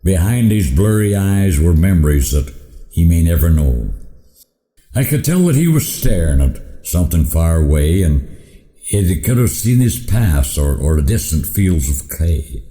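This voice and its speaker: A man's voice: deep voice, sing-song, a little slow, dark tone. A man with a folksy cowboy drawl, reciting a rhymed cowboy poem as a storyteller. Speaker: cowboy poet. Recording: roomy echoing hall.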